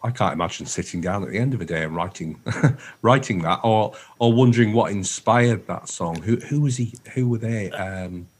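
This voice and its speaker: A man's voice: fairly low pitch, moderate pace, breathy edge. A man co-hosting a radio show, chatting casually and enthusiastically. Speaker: radio co-host.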